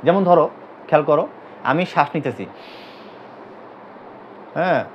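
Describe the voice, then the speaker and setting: Speaking at a normal speed with a fairly high pitch, a Bangladeshi man teaches anatomy to physiotherapy students. He drills them by repeating questions and getting them to say the terms back. There's slight background noise on this dull, lo-fi recording.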